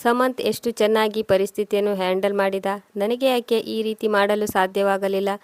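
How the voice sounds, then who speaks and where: Brooding guilt-ridden son, read by a woman; flat, inward. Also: mid-range voice, moderate pace, no room sound, lightly acted. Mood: remorseful.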